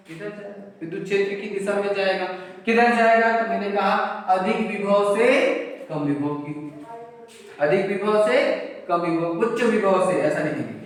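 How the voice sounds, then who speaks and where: A man gives a classroom physics lecture, his high voice bouncing around a large, very echoey room. He sounds far from the mic, with faint noise behind him. He keeps asking questions and answering them himself, repeating the key terms. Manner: mixes in English words and numbers. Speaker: physics teacher.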